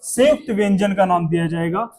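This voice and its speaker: Guy teaching hindi in class, kinda high voice, keeps asking the class stuff and repeating sounds. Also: a little fast, a little mellow. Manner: asks the class questions and drills pronunciation. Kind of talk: classroom lesson.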